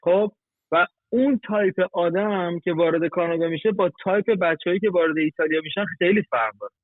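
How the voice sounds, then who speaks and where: A man, a guest in a casual chat, explaining things chattily with rough numbers and everyday examples. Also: sits high, dry recording. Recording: tinny phone-like line.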